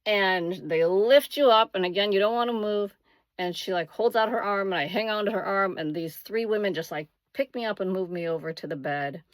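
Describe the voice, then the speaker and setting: A woman's voice: mid-range voice, brisk, dry recording. A woman vlogger telling a personal story casually, with dramatic, emphatic turns.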